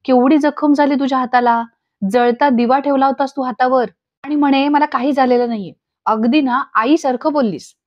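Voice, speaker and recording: A woman's voice: high voice, fairly even intonation, normal speed, lightly acted. A woman voicing a caring elder sister, tender and fretful in her speech. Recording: dull lo-fi recording.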